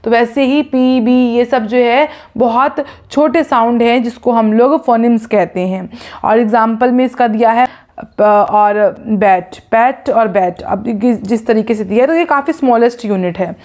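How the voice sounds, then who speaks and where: A woman teaching a lecture, stopping often to correct herself, and reading English examples out slowly. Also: fairly high pitch, a little mellow. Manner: explains in Hindi and reads English examples slowly; frequent hesitations and self-corrections. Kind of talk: explanatory lecture.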